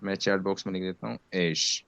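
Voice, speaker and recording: A man teaching beginners Arabic in an online class, speaking with an Indian accent and patiently having students repeat words after him while fasting with a headache. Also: sits low, steady tone, vocal fry, fairly bright tone, a little hiss or hum. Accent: Indian Hindi-Urdu. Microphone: video call. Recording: dull lo-fi video call audio.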